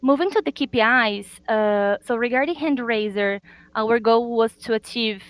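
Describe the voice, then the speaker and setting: A woman presents campaign results over a video call, her voice pitched a little high. She sounds earnest and pauses often, filling the gaps with small fillers. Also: no room sound. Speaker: marketing presenter. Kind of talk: business presentation.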